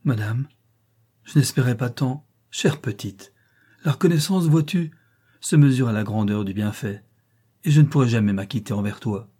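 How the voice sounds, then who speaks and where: Proud girl in a storybook, quiet and grateful, voiced by a man. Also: mid-range voice, normal speed, husky, lightly acted. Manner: murmured, grateful.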